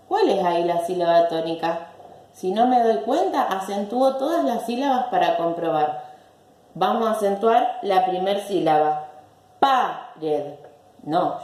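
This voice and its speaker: Slow, patient woman teaching in an echoey room. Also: lowish voice, warm tone. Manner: patient, slow, repeats words syllable by syllable. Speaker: language teacher. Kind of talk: recorded online lesson.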